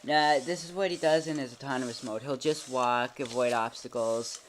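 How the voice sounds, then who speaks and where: Holding the camera himself, a toy reviewer demonstrates a robot toy on the carpet of his home living room, his mid-range voice staying steady as he talks in a loose, halting way that often trails off. Clicks and the whir of the toy's motor fill this noisy home recording.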